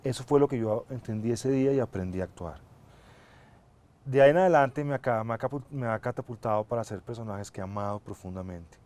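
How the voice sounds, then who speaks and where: Middle-aged male actor, mid-range voice, earnest and measured, TV studio interview guest on lapel mic. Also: mid-range voice, darkish tone. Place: TV studio set, seated in armchair.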